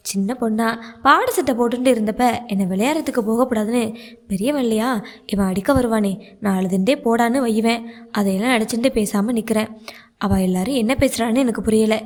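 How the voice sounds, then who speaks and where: A woman reading a novel aloud as first-person narration, with a calm, reflective inner-monologue delivery. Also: fairly high pitch. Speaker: storyteller.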